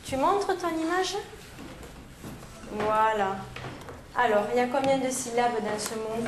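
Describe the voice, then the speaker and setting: Slightly high-voiced woman questioning young pupils. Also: measured pace, background noise. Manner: patient, questioning, repeats pupils' answers. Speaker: primary school teacher. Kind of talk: classroom instruction to young children.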